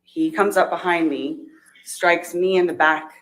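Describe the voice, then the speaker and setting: A woman with a low voice testifies as a witness, captured on a courtroom recording that is replayed. She talks through the events step by step, pausing on "um" and restarting her sentences. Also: fairly even intonation, fairly bright tone, low-quality recording. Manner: hesitant retelling with fillers and restarts. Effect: courtroom recording played in a livestream. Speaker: trial witness. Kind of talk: sworn testimony.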